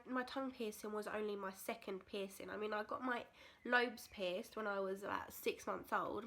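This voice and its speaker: A woman's voice: medium pitch, bright, forceful tone. A British woman in her twenties telling a personal story in a casual, candid, chatty vlog style. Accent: British English. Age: 20s. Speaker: vlogger.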